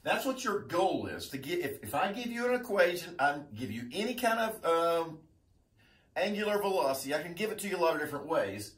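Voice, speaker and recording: A man in his fifties gives a whiteboard lesson in a lively voice that swoops up and down and sits a little high. He jokes and teases his students as he goes. The sound is roomy and comes from a camera set well back. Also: fairly quick. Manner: joking, animated, teasing students. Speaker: engineering instructor. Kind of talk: whiteboard lecture. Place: classroom at a whiteboard. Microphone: camera mic from across the room. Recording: echoey classroom, mic from far off.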